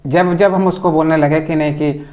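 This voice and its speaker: Earnest man with a fairly high voice. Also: fairly even intonation, moderate pace, darkish tone. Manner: earnest, respectful, addresses interviewer as sir. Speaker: complainant telling his story. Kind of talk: recounting a personal complaint to a reporter. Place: news office.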